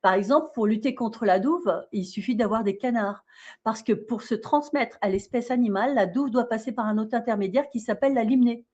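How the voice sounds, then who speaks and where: A woman's voice: fairly high pitch, brisk, a little mellow. A woman raised in Australia, a bison farmer, explaining her work at length in a casual interview, and laughing easily. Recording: dull lo-fi sound.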